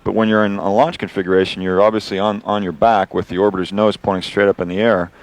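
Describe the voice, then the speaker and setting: A man's voice: lowish voice, level tone, fast, dry recording. A man, an astronaut, explaining procedures in informal, conversational live commentary as a guest.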